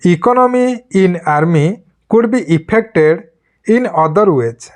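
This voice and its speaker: A reader dictating a formal speech for shorthand practice, in deliberate short word groups with pauses between them. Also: mid-range voice, animated, a little mellow.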